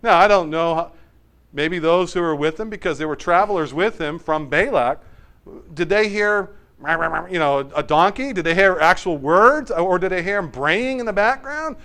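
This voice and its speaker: Man, high voice, animated storytelling preacher who acts out the voices. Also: moderate pace, clear, resonant tone. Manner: storytelling, acts out the characters' lines; animated, swings between loud and quiet. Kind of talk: sermon.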